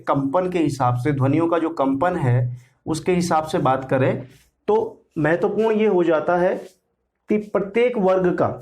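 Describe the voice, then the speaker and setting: A man teaching an exam-prep grammar lesson, speaking slowly and deliberately, repeating syllables aloud to demonstrate their sounds and often checking in with the listener. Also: fairly high pitch, darkish tone. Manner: keeps checking with "theek hai na".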